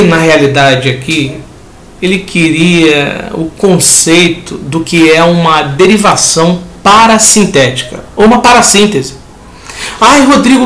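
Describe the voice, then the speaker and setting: A man's voice: high-pitched, fairly bright tone, echoey room. A man with a Brazilian Portuguese accent teaching a lesson that reviews exam answers, talking the class through each step and acting out students' questions.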